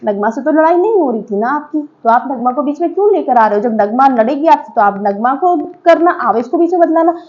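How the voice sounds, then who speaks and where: Briskly and with few pauses, a woman with a high, expressive voice gives casual, emphatic opinions to reality show viewers. She uses occasional English words and checks in with her listeners. The highs are cut off.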